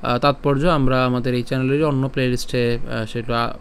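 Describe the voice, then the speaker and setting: A man teaching how to pronounce a scripture verse, breaking it into syllables, repeating them slowly and answering his own questions. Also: medium pitch, level tone, a little hiss or hum. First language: Bengali. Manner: asks questions then answers them himself. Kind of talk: Sanskrit verse pronunciation lesson.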